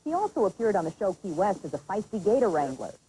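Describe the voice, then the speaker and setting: A woman's voice: mid-range voice, big pitch swings, fast talker, background noise. A woman presenting entertainment news in scripted television narration.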